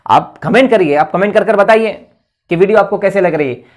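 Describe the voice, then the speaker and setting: A man's voice: sits high, fairly quick, a little mellow. A man teaching an English grammar lesson online, explaining patiently and repeating key points with frequent checks.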